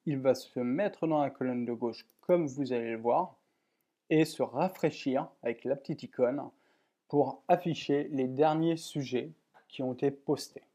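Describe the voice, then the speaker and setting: Man calmly explaining a software demo. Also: medium pitch, unhurried. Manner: plain, methodical explaining with frequent "voilà" and fillers. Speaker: software tutorial presenter. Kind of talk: screen-recorded software tutorial.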